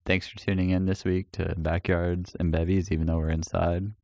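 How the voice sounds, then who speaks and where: A man's voice: deep voice, little pitch movement, normal speed, vocal fry, darkish tone, no echo, clean studio sound. A man co-hosting a casual podcast, joking and rambling with restarts. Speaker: podcast co-host. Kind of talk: casual chat.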